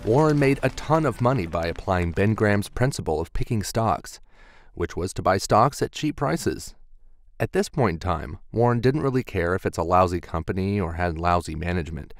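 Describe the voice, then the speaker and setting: A man giving measured, scripted documentary narration. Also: low-pitched, animated, no echo, clean studio sound. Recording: narration over clear background music.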